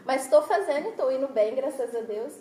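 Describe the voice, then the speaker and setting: A woman's voice: high voice, expressive, moderate pace, dark tone, roomy sound, slight background noise, low-quality recording. A woman with a Brazilian Portuguese accent giving a chatty, self-deprecating devotional talk to a church women's group, laughing often as she speaks.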